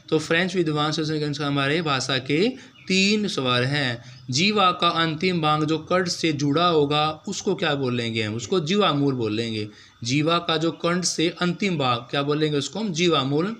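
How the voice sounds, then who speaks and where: A man's voice: fairly high pitch, sharp tone, a little hiss or hum. A man teaching an exam-prep lesson, asking each question aloud, answering it and repeating the answer back to his students. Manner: keeps addressing students directly.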